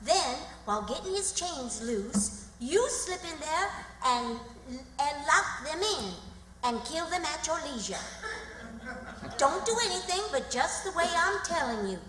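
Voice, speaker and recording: A dramatic, excitable country aunt from a radio drama , acted by a woman. She has a high, bright Southern voice and a breathless, bossy way of talking. The hall is very echoey, with faint noise. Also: unhurried, full character voice. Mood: dramatic reading. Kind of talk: radio theatre acting.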